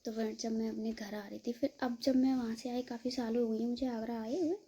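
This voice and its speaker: A woman's voice: a little high, steady tone, a little fast, noisy background. A woman from northern India telling a rambling story to her viewers in a casual vlog, often calling them friends. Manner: chatty, rambling, keeps saying "friends" to viewers. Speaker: vlogger.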